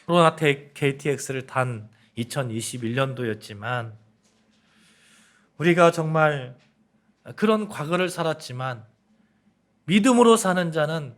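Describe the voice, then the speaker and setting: A man's voice: on the high side, animated, measured pace, long pauses, a bit bright. A man preaching a sermon as pastor, asking the congregation questions and building to emphatic outbursts.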